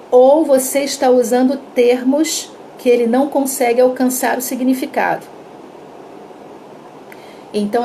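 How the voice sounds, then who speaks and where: A Brazilian-accented woman teaches communication in a live online class, her slightly high voice mellow and soft-edged. She talks with lively energy and acts out little sample dialogues, though her throat is dry. A faint hiss sits in the background. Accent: Brazilian Portuguese. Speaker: communication coach.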